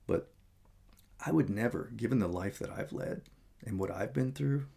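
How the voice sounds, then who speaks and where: Man, vlogger; low, husky voice; candid, meandering casual monologue. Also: moderate pace, mellow.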